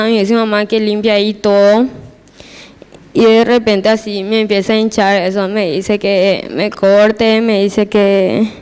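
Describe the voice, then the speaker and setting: A woman's voice: medium pitch, clear, resonant tone. A teenage girl giving a personal church testimony, hesitant and repeating her words as she restarts.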